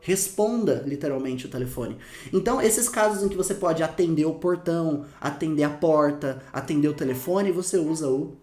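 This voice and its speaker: A man with a Brazilian Portuguese accent teaching English phrases in a casual lesson, lively and slowing down to repeat the examples. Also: a little high, reverberant. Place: room with dogs barking outside.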